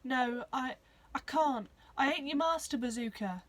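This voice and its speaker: A woman's voice: high voice, unhurried, voice pushed up. A woman voicing a huge horned male alien who speaks hesitantly and sorrowfully. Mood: troubled.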